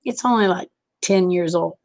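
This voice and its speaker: An American woman chatting casually and a little unfocused from lack of sleep, in a folksy, homey way with endearments, as if to livestream viewers. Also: fairly low pitch. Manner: sleep-deprived, unfocused, slow to follow. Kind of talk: casual rambling chat.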